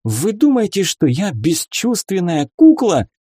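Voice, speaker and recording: A man reading a story aloud, voicing a proud young noblewoman who works as a nurse, in a raised, breathy voice. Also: medium pitch, lively intonation, normal speed, warm tone, no echo, clean studio sound, pitched above the performer's own voice. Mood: indignant.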